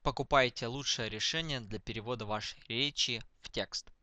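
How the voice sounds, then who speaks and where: A man dictating text slowly to speech recognition, speaking each punctuation mark aloud, word by word. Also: mid-range voice, sharp tone, dry recording. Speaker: dictation demonstrator.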